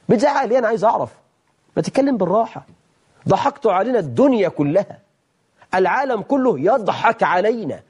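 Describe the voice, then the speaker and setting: A man's voice: a little high, a little mellow, slightly rough. A man with an Egyptian Arabic accent, a sheikh giving a religious lesson and taking calls from viewers, delivering emphatic, scolding rhetorical questions. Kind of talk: religious lesson with call-ins.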